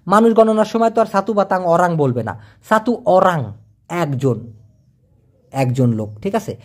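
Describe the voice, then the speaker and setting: Man, language teacher, high voice, very lively pitch, casual lesson, repeats words slowly. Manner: explains words with repeated slow pronunciations and everyday examples.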